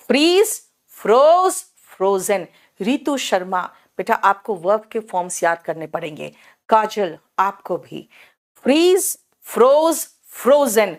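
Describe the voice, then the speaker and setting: A woman English teacher with an Indian accent, teaching a live online class, drilling words by repeating them and calling on students by name. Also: mid-range voice.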